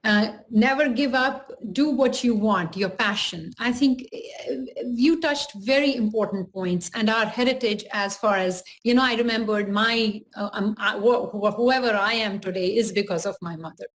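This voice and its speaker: A woman moderates a live webinar with plenty of enthusiasm. Her speech is halting and full of fillers, and her voice sits at a middle pitch. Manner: enthusiastic, hesitant with many fillers.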